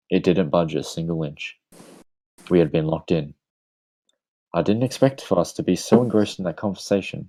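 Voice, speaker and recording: Deep-voiced man reading a story. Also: darkish tone, low-quality recording. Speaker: podcast host. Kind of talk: reading a romance story aloud.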